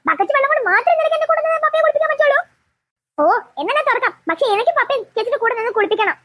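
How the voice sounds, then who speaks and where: A woman's voice: very high voice, animated, racing, a bit bright, no room sound, pitched above the performer's own voice. Woman voicing a stubborn cartoon little sister. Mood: pleading. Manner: pleading, stubborn. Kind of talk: cartoon voice acting.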